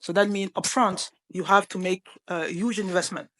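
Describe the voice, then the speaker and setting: A woman's voice: mid-range voice, steady tone, moderate pace. A woman from Cameroon, a startup founder speaking earnestly on a panel with frequent hesitations. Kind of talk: panel discussion.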